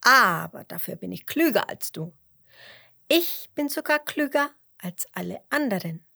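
A woman's voice: medium pitch, animated, measured pace, vocal fry, pushed and bright, dry recording, clean studio sound, exaggerated voice. A woman voicing a vain, cheeky male fox who brags about his cleverness in a children's story. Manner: cheeky, smug.

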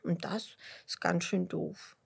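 A woman's voice: on the low side, fairly even intonation, takes it slowly, gravelly, slightly rough, exaggerated voice. A woman voicing a small snail who has lost its house, in a children's story. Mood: sulky.

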